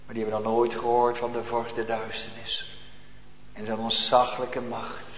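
A man preaching a sermon, swinging between loud emphatic cries and hushed low asides. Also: completely flat delivery, normal speed, slight background noise. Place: church. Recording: echoey lo-fi church hall recording.

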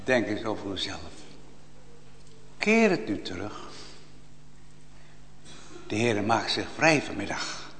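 A man preaching a sermon to his congregation, swinging from hushed appeals to loud, impassioned calls. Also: on the low side, a little hiss or hum. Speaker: pastor. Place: church. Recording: long reverb of a church hall.

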